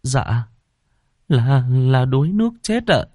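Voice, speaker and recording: A man's voice: medium pitch, sing-song, slow pace, warm tone, no room sound, clean studio sound, voice pushed up. A man doing a stammering, timid young servant. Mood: humble. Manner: stammering, humble, pleading.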